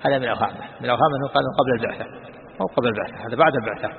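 A man teaching as a sheikh, explaining hadith in a halting way, often repeating and correcting his words. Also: mid-range voice. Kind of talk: lecture commentary on hadith. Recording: tinny lo-fi hall recording with faint hiss.

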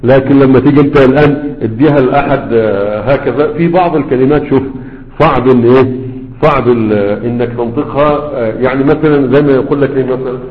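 A man teaching a grammar lesson in a conversational way, repeating words slowly to model how they are pronounced. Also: mid-range voice, steady tone. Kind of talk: classroom lesson with questions. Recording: dull lo-fi audio with long hall reverb.

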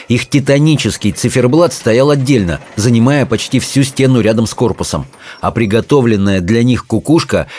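A man with a mid-range voice narrates an audiobook from a script, reading in a measured, expressive style.

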